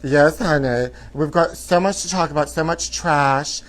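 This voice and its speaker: A man's voice: a little high, a little slow, a bit bright. Sassy, campy male livestream host. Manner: sassy, campy drag-queen-like delivery. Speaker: host of a live tabloid gossip show. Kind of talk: casual livestream chat to viewers.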